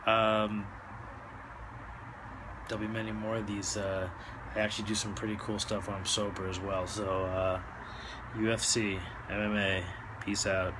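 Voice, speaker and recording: A man hosting a casual solo fight recap, talking in a loose, halting, drunken ramble. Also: lowish voice, level tone, noisy background. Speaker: host of a fight-talk show.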